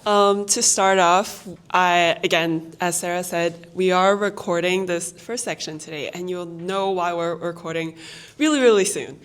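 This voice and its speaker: A woman co-host speaks to a classroom audience with many pauses and "um"s. Her voice sits on the low side. She talks unscripted and loose. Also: smooth. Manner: hesitant, many "um"s. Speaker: podcast co-host. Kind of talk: unscripted talk to a live audience.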